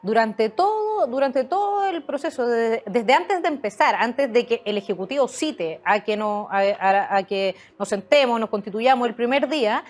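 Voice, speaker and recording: A woman's voice: a little high, animated, moderate pace, few pauses. A woman answering interview questions as a guest author, hesitating often with fillers and restarts.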